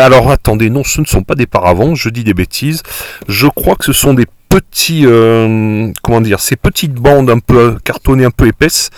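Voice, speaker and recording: A man's voice: mid-range voice, dry recording. A man casually narrating a board game unboxing, hesitant and self-correcting, full of fillers and admiring remarks.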